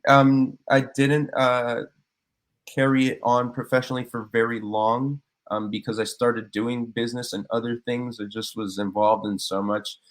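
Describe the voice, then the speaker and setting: Speaking earnestly in a casual podcast interview, this guest is a Cuban-born business owner in his thirties who grew up in Miami. His medium-pitched voice stays level at a moderate pace, and his speech is full of fillers and false starts.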